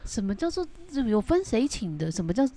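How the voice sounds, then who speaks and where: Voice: mid-range voice, big pitch swings, fairly quick, warm tone. A co-host in a casual chat, curious and keeping the story going with follow-up questions. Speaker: podcast co-host.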